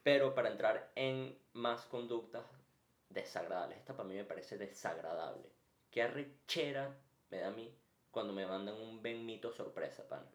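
A young man with a Venezuelan accent, co-hosting a podcast in casual, slangy chat and animated storytelling. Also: lowish voice, moderate pace. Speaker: podcast co-host. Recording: roomy echo.

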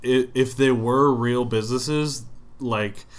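A man's voice: mid-range voice, steady tone, slow. A man co-hosting a casual film podcast, talking in a dry, matter-of-fact way with stumbling restarts. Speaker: podcast co-host.

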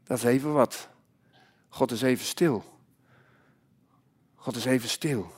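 A man preaching a sermon as pastor, moving between loud exhortation and hushed, quiet passages. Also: mid-range voice, takes it slowly, slightly rough.

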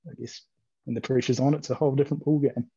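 Husky, mellow New man. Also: mid-range voice, steady tone, quick pace, no room sound. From New Zealand. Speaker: co-host. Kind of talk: casual sports chat. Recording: dull lo-fi audio.

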